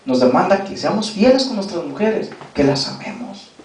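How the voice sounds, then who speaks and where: A man's voice: sits high, big pitch swings, moderate pace, slight background noise. A man with a Mexican accent preaching a sermon as pastor, telling a personal story and shifting his voice sharply for emphasis. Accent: Mexican Spanish. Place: church hall. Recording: very echoey church hall, distant mic.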